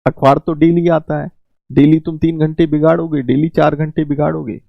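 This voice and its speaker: A man's voice: on the high side, fairly even intonation, normal speed, vocal fry, no room sound. A man teaching an exam coaching class online, giving fatherly advice and calling his students "beta", repeating his points to drive them home. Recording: dull lo-fi mic.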